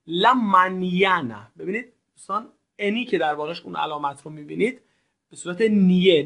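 High-voiced man teaching slowly. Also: a bit bright. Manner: slow, drawn-out model words for repetition; polite, formal address to learners. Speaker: language teacher. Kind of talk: recorded language lesson.

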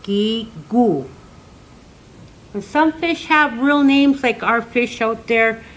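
An older woman, an elder, slowly teaching children the names of animals and patiently repeating each word for learners. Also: on the high side, fairly bright tone, slight background noise. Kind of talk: slow classroom teaching.

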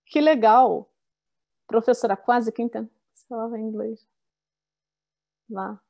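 A woman teaching a beginners' class online, speaking slowly and clearly, repeating words and reading out the answers her learners give. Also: on the high side, darkish tone. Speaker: Portuguese teacher.

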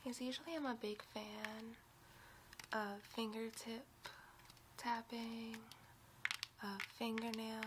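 A woman whispering softly and slowly in an ASMR video, with tapping sounds on a coconut. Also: on the high side, noisy background. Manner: soft whispering, slow and soothing. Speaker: ASMR creator. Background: tapping and rubbing on a coconut.

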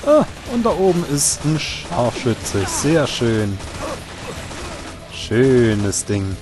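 A young man chatting his way through a video game with sarcastic, grumbling remarks. His pitch moves lively up and down. Quiet game music sits behind him. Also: very slow. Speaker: let's player. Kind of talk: casual gameplay commentary.

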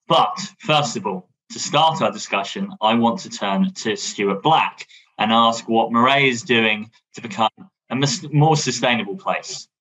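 A man's voice: mid-range voice, a little slow, a bit bright, poor audio. A man chairing an online panel, introducing the speakers formally with frequent fillers. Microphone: video call.

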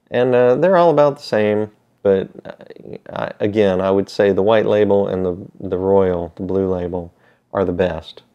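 A man's voice: on the low side, a little mellow. A middle-aged man in a laid-back, hesitant, rambling casual chat to camera, talking around a pipe held in his mouth. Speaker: pipe tobacco seller. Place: small indoor room with shelves. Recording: slightly dull, lo-fi sound.

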